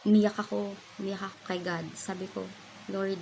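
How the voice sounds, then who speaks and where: Vlogger, woman from the Philippines, soft-spoken, pausing often, personal testimony, faint hiss behind. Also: mid-range voice, flat delivery, creaky.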